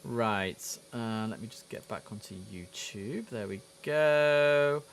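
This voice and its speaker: Here a fairly low-voiced man takes his time hosting a casual gaming livestream, chatting and sliding into terse air traffic radio talk. Poor audio and steady background noise mark the recording.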